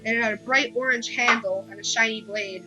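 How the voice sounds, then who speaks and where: Her voice is fairly high with fairly even intonation, and she reads fairly quickly. She's a young creepypasta reader casually narrating a horror story, often stumbling and starting lines over, with background music playing and low-quality recording.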